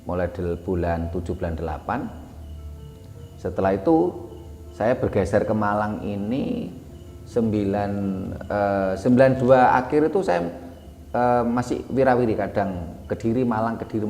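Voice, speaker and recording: Halting man in an echoey room. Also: fairly low pitch, warm tone. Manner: halting, many fillers and self-corrections. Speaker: guest telling his life story. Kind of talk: casual spoken memoir. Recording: echoey room with long reverb, faint music.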